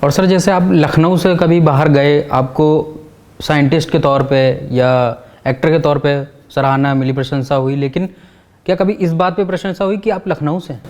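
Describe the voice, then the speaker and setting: A man's voice: on the high side, fairly even intonation, normal speed, darkish tone. A male interviewer asking respectful questions and often agreeing attentively.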